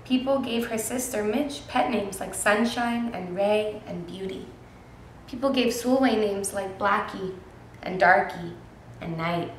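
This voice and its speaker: A woman teacher reads a children's picture book aloud in a gentle, expressive way, stopping now and then to ask her young listeners questions. Her voice sits at a middle pitch, and the room around her is very echoey, with a faint hiss of noise underneath. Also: slow pace.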